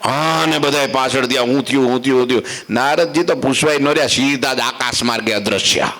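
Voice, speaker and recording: A man telling a humorous story-sermon to children at a temple assembly, animated and joking. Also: mid-range voice, fairly quick.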